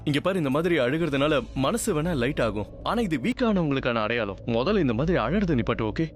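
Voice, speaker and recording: A teasing devoted husband. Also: male voice, fairly high pitch, very animated, brisk. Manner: playful, teasing, affectionate. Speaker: husband in a dubbed serial. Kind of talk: dubbed TV drama acting. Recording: light music behind voice. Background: soft background music.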